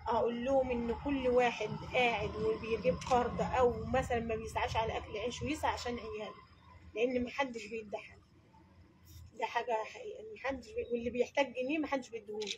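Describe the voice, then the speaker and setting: An Egyptian woman speaking earnestly in a street interview, words tumbling out very quickly. Her voice sits a little high, and she repeats points to drive them home. Clear street noise hums behind her. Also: steady tone. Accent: Egyptian Arabic. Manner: earnest, plain-spoken, repeats herself for emphasis. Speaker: tuk-tuk mechanic being interviewed.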